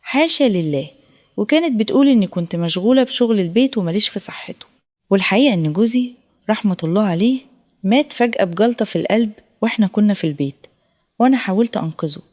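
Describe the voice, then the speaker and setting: Egyptian female narrator: brisk, mellow, dark-toned, emotional storytelling. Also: mid-range voice. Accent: Egyptian Arabic. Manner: emotional, tearful retelling in a steady flow. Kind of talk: first-person dramatic story narration.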